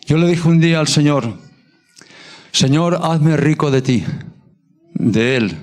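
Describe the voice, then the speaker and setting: A man's voice: on the high side, animated, slow, darkish tone. A man preaching a sermon in a church, fervent and improvised, drawing out the scripture lines he quotes and often restarting his sentences. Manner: repeats words and restarts sentences as he speaks freely. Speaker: pastor.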